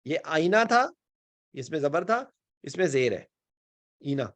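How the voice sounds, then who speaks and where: Pakistani man teaching grammar, slightly high voice. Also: big pitch swings, a bit bright, no room sound. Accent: Pakistani Urdu. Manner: explains step by step, often checking with "ٹھیک ہے"; mixes English words into Urdu speech. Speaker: Quran and Arabic grammar teacher. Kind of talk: online class lecture.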